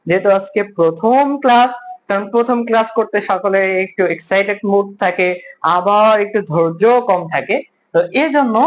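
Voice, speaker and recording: A man teaching a class, who asks his students questions and then repeats each answer slowly. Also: sits high, low-quality recording. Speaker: language teacher. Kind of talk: online class lesson.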